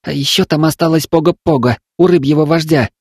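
Guy putting on a high little village boy, scared and begging, close to crying, storybook voice. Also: fairly quick, husky, dry recording. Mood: tearful. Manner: pleading, near tears. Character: young village boy, frightened and stubborn.

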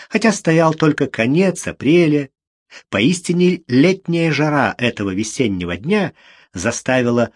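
Man narrating an audiobook in a measured way. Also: mid-range voice. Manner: measured, even storytelling. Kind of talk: scripted narration.

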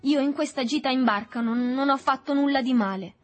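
A woman's voice: high-pitched, a little fast, faint music behind, voice pushed up, lightly acted. A woman voicing a bewildered thirteen-year-old boy. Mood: indignant. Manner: protesting, bewildered.

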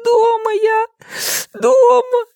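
A tiny, tearful little girl, crying and sobbing as she pleads for help. Her voice sits extremely high and drags slowly through each word, in a dry, close recording. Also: flat delivery, vocal fry, darkish tone, no room sound, exaggerated voice. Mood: sobbing, pleading. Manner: crying, sobbing between words. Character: sobbing little girl, four or five, hungry and alone. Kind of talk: audiobook character voice.

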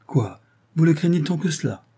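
A man voicing a sly, scheming older lawyer who flatters and insinuates in an audiobook. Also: on the high side, moderate pace, husky, pitched above the performer's own voice. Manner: wheedling and insinuating.

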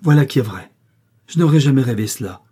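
Man voicing a blind brooding older man, emphatic, very dark mellow tone, husky. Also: mid-range voice, moderate pace, close to an everyday voice. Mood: moved.

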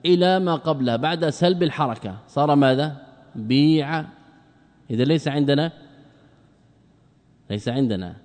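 A man's voice: mid-range voice, a little mellow, long reverb tail. A man teaching a classical Arabic grammar lesson, who keeps asking rhetorical questions, answers them himself, and repeats and draws out the example words.

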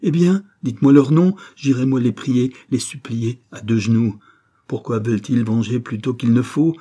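A man reads a novel aloud, giving voice to a desperate middle-aged mother who pleads for her son and husband. His lowish, slightly rough, dark voice keeps fairly even intonation at normal speed, yet the anguished pleading rises at times into cries.

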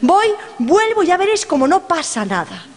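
A woman's voice: very high voice, sing-song, normal speed, pitched above the performer's own voice. A woman voicing a headstrong teenage girl who breezily insists nothing will happen. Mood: stubborn. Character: stubborn fearless teenage girl, dismissive. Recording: long hall reverb.

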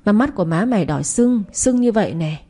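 A woman's voice: medium pitch, expressive, a little fast, mellow, close to an everyday voice. A woman voicing a scrappy, cynical poor teenage boy who talks bluntly. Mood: plain. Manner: blunt, scornful.

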